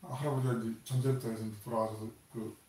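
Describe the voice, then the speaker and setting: An older man from Korea preaching a Sunday sermon as pastor, animated and dramatic, acting out prayers and voices as he speaks. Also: fast. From South Korea. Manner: animated, acts out quoted prayers and taunts with rising pitch and force. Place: church sanctuary. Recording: echoey church hall, voice from a distance.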